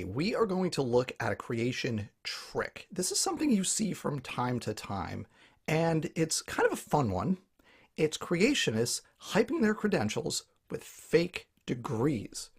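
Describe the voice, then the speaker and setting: Husky-voiced man hosting a commentary channel. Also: on the high side. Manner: wry, critical explainer. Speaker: YouTube channel host. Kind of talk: scripted commentary video.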